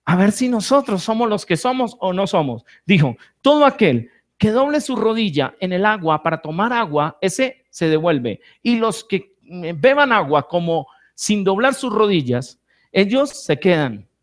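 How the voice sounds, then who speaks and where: Male apostle, raised pitch, sermon delivery, rhetorical call-and-answer, vivid scripture retelling. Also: big pitch swings, unhurried. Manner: asks the congregation rhetorical questions and answers them; reads scripture aloud and retells it with vivid asides. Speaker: apostle preaching.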